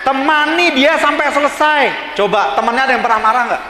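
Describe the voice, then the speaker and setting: A man giving a children's sermon as a pastor, animated and asking the children lots of questions. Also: very high-pitched, brisk. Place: church hall. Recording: echoey hall with children's crowd.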